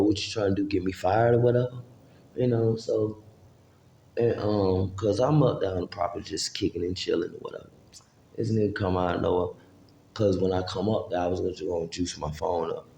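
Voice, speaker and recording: Low, gravelly, and dark-toned, this man's voice carries a casual, meandering story told to camera, full of profanity and acted-out quotes. He's a vlogger, and the recording sounds roomy with slight hiss or hum.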